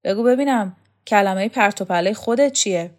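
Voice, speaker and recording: A woman's voice: medium pitch, close to an everyday voice. A woman voicing a blunt, domineering woman who barks and scolds in an audiobook. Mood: scolding. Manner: barking, scolding. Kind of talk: audiobook character voice.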